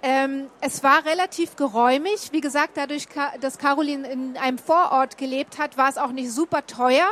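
A woman's voice: high-pitched, steady tone, moderate pace, few pauses, fairly bright tone. A woman from Berlin chatting casually as she shows slides, with many fillers and restarts. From Berlin, Germany. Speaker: guest telling of a stay in Japan. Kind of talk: casual talk showing slides.

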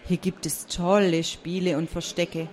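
A woman voicing a friendly, lively young male bat in a storybook read aloud, chatty and bright. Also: on the low side, measured pace, slight background noise, lightly acted. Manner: bright and chatty, sleepy when woken.

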